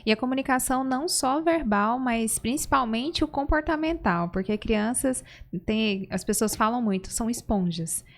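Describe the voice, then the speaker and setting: A woman's voice: on the high side, expressive, normal speed. A woman hosting a podcast, affirming her guests and asking follow-up questions. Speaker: host. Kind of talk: casual podcast interview.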